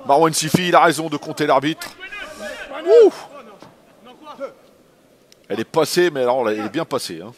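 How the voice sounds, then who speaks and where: A man giving live fight commentary, calm between rounds and shouting at big hits. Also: a little high, quick pace, hardly any pauses.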